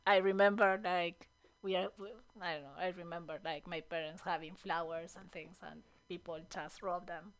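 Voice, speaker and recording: A woman with an Argentine accent, a native Spanish speaker, chatting casually as a radio guest with enthusiastic, halting phrasing. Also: fairly low pitch, fairly even intonation. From Buenos Aires, Argentina. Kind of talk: casual chat. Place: radio studio booth.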